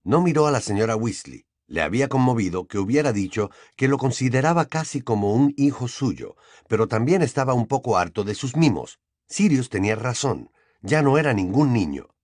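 A man narrating an audiobook in an expressive storytelling manner. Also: medium pitch, normal speed, no echo, clean studio sound. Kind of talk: scripted narration.

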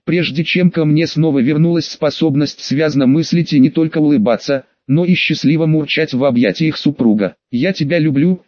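A man narrating an audiobook in the first person with an even storytelling delivery. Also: a little high, moderate pace, few pauses, dry recording, highs cut off.

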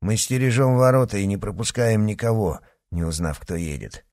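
A man voicing a rough male gate guard who speaks gruffly and with threats. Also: lowish voice, expressive, normal speed, a little mellow, no room sound, studio quality.

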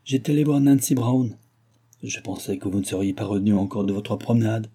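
A man's voice: fairly low pitch, steady tone, brisk, mellow, slightly rough. A man reading an audiobook, voicing a modest, reserved young governess with polite, restrained speech.

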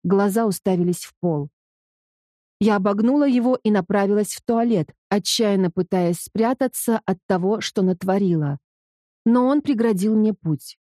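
A woman's voice: mid-range voice, moderate pace, dark tone, no room sound. A woman narrating a first-person romance audiobook in an earnest, emotional way, close to the mic.

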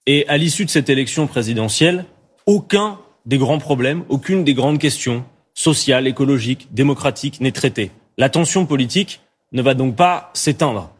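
A man, a politician, delivering a measured, forceful political address. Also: medium pitch, breathy edge. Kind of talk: political speech.

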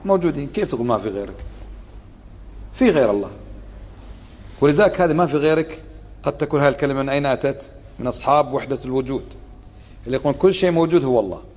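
A man's voice: medium pitch, animated, racing, pauses often, darkish tone, big-room sound. A man gives a religious lesson on creed, asking his listeners questions and answering them himself, with a sarcastic edge. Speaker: sheikh teaching a book on creed.

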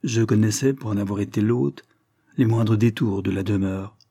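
Low husky guy doing a solemn literary reading, dark warm tone. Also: normal speed. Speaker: reader.

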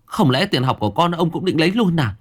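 A man's voice: sing-song, brisk, a little mellow. A man voicing a poor, beaten middle-aged mother who pleads tearfully in a raised, strained voice. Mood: pleading. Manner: tearful, begging, high strained pitch.

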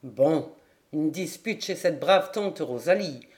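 A woman voicing a gruff old harbor master, for an audiobook. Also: a little high, animated, slow pace, a little mellow, voice pushed down. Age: older.

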